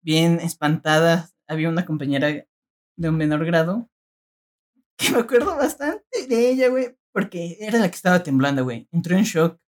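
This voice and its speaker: A woman's voice: fairly low pitch, normal speed. Slangy Mexican woman telling a story. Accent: Mexican Spanish. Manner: animated slangy storytelling, peppered with filler words. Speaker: storyteller among friends. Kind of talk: casual chat.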